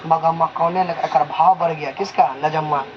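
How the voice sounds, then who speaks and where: A man's voice: a little high, steady tone, normal speed. Bihari-accented man explaining a story. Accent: Bihari Hindi. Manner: conversational, keeps checking with the class. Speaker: teacher. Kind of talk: storytelling lesson retelling a chapter. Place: classroom. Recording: slightly dull, faint noise.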